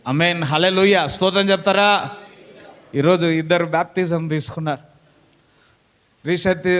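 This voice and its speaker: A man's voice: high-pitched, a bit bright, in a large hall. A pastor preaching a fervent sermon to his congregation, calling out amen and hallelujah again and again.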